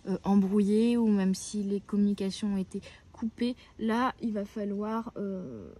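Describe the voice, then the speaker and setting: A woman giving weekly oracle card guidance outdoors, gentle and reassuring, often pausing to search for her words. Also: medium pitch, slightly rough. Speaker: tarot and oracle card reader. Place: outdoors, near a tree.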